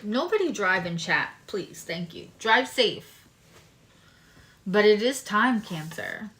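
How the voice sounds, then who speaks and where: Wandering between card interpretations and tangents at a leisurely pace, a woman hosts a casual live-stream tarot reading. A swollen tongue slightly affects her speech, and her mid-range voice is expressive and fairly bright.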